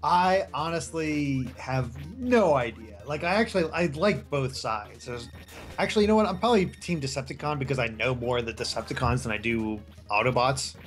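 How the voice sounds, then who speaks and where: A man's voice: medium pitch, lively intonation, normal speed. A man chatting casually as co-commentator on a gaming stream, easygoing and a little hesitant in his phrasing. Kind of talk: casual chat. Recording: game music behind the voice. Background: video game music.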